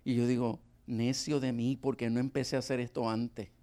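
A man's voice: medium pitch, little pitch movement, normal speed, dark tone. A middle-aged man preaching a sermon, acting out dialogues with God and his wife.

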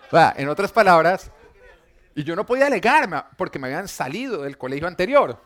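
A man, a pastor, preaching a sermon told through personal stories, talking conversationally and dropping to a soft voice for tender moments. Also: sits high, very animated, fast talker, some chatter behind.

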